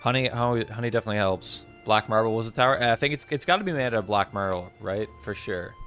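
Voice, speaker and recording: A man's voice: fairly low pitch, fast, fairly bright tone, faint music behind. A man with a cold and a congested voice, chatting casually with viewers as he streams a game. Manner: chatty, rambling, greets chat by name. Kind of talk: casual live-stream chat.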